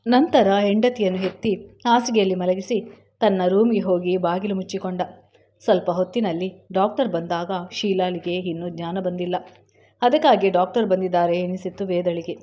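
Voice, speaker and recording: A woman reading a family drama story aloud in a steady storybook manner. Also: on the low side, moderate pace. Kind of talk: scripted narration.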